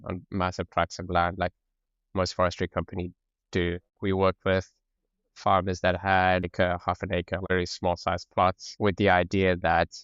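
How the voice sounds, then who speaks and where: Appearing as a podcast guest in a casual conversational interview, a man with a mixed French and South African accent talks easily and laughs often. His low voice is clear and resonant with no echo, though the recording sounds muffled.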